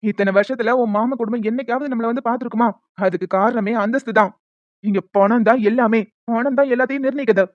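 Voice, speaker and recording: A woman's voice: a little high, fast talker, no room sound, lightly acted. A woman voicing a greedy middle-aged father in a cartoon who lectures dismissively about money, in a dry, dull lo-fi recording. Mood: scheming. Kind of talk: amateur cartoon voice acting.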